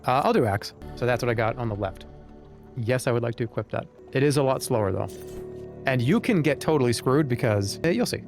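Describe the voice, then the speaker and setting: A man's voice: mid-range voice, lively intonation, brisk. Male streamer: casual gameplay talk, mid-range voice, music faintly behind. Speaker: game streamer. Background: game music.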